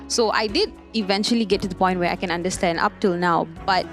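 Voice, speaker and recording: A young woman from Malaysia, speaking casually as a panel guest and often filling pauses with "like". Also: mid-range voice, a bit bright, soft background music. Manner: chatty, frequent filler "like", restarts.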